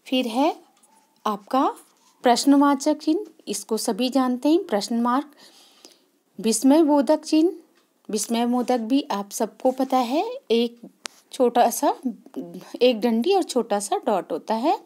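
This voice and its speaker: Speaking slowly in a high, warm voice with lively intonation, a woman teaches grammar one step at a time. She goes back over the key points and asks her own questions before answering them.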